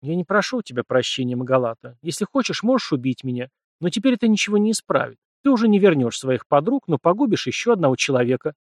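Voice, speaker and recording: A man's voice: on the high side, very animated, fast, few pauses, dry recording, clean studio sound, pitched above the performer's own voice. A man doing a timid young slave woman. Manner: timid, pleading. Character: frightened young female slave, sorceress.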